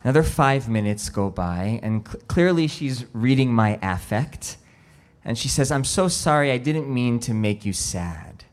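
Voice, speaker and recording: Guy in his 30s preaching a sermon, takes his time, soft and reflective, voice drops low when it gets emotional. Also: expressive. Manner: slow, reflective storytelling with quiet emotional dips. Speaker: rabbi.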